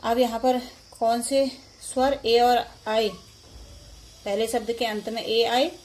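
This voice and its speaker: A woman's voice: a little high, level tone, darkish tone. A woman teaching a grammar lesson, explaining rules step by step and correcting herself as she goes. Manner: slow, deliberate explanation with self-corrections.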